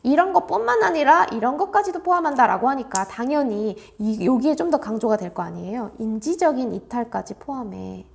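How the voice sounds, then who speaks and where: A woman's voice: sits high, animated, a little fast, vocal fry, few pauses. A woman teaching an exam-prep English lesson in an emphatic, coaching way. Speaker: English tutor.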